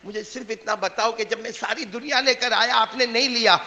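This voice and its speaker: Preacher as a humble young pilgrim, anxious and pleading, high, reverberant hall. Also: male voice, fairly even intonation, pushed and bright, highs cut off, exaggerated voice.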